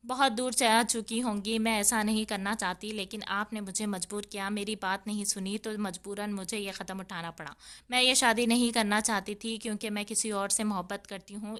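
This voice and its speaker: A woman's voice: mid-range voice, fairly bright tone, natural voice. A woman voicing a desperate young woman who pleads tearfully to escape a forced marriage.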